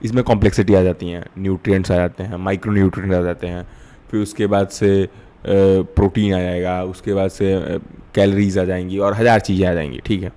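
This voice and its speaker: Young male host, low register; reflective, unscripted, thinks aloud with frequent restarts. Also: fairly even intonation, fairly quick, warm tone. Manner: mixes Hindi with English, thinking aloud with fillers and restarts. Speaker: channel host. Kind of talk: reflective monologue.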